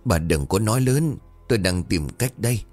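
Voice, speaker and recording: A man voicing a desperate middle-aged village chief and worried father, in a deep, earnest, pleading tone. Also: animated, moderate pace, darkish tone, faint music behind. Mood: resolute.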